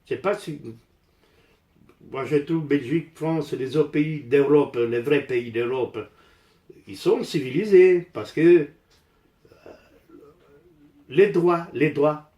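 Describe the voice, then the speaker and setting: Slow and dark-toned, this slightly high male voice leaves long pauses as an older Italian DIY vlogger talks in Italian-accented French. He rambles bluntly and casually through his repairs, saying phrases twice for emphasis, with roomy echo around him.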